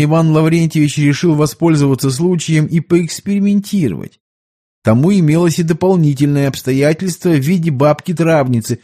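Brief: male audiobook narrator, even storyteller, warm low timbre. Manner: measured, storytelling.

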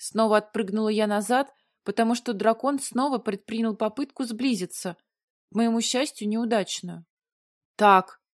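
A woman reading a first-person fantasy story aloud, with lively, wry storytelling. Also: a little high, dry recording, studio quality. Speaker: audiobook narrator.

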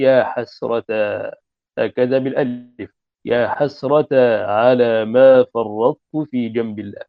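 A man teaching Arabic grammar, commenting on a text and reciting quotations slowly. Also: mid-range voice, dry recording. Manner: explains slowly, reciting quotations drawn out, clears throat often. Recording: tinny phone-like line.

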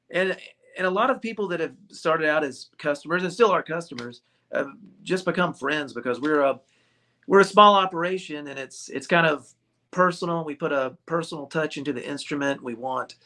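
A man's voice: fairly high pitch, pushed and bright. A man who owns a ukulele store, chatting casually in an interview, joking and laughing often. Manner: jokey, laughs often, rambling.

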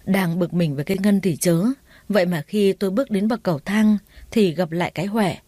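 A woman reading a first-person story aloud in a steady storytelling voice. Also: mid-range voice, fairly quick, dry recording. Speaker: narrator. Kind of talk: audiobook story narration.

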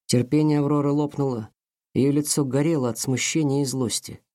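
A man narrating a romance novel aloud in an expressive storytelling manner. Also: mid-range voice, brisk. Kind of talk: audiobook narration.

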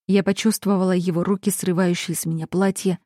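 A woman reading a romance audiobook in the first person. Her reading is intimate and expressive, with a warm, mellow tone. The recording is dry and close, with no room sound. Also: fairly low pitch, fairly quick, dry recording. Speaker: audiobook narrator.

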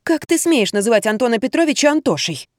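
A woman voicing a loud, shrill, jealous young mother in an audiobook, who scolds and squeals. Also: very animated, fast, no room sound, clean studio sound. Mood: curt.

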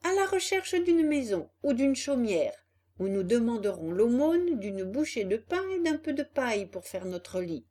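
A woman voicing an eager, proud wooden puppet boy in a storybook reading, speaking brightly and emphatically. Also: fairly high pitch, sing-song, measured pace. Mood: earnest. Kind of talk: storybook character voice.

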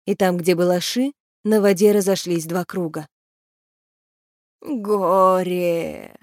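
A woman narrating an audiobook in an even, measured storytelling voice. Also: lowish voice, no room sound, clean studio sound. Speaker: audiobook reader.

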